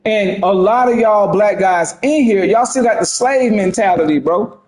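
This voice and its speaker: A man's voice: high-pitched, normal speed, darkish tone, rough recording. A man ranting heatedly as a gaming commentator, profane and fired up, with a temper.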